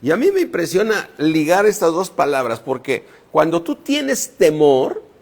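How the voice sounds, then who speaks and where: A man's voice: on the high side, very animated, measured pace. A male pastor preaching a sermon, reading scripture aloud and leaning hard on key words.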